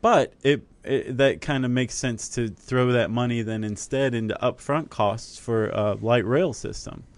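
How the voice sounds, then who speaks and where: A man with a mid-pitched voice co-hosts a casual podcast and explains ideas at length. He talks chattily and thinks aloud as he goes. The recording is close and dry. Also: unhurried, few pauses, no echo. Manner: explanatory, chatty, many fillers and restarts. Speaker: podcast co-host. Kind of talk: casual chat.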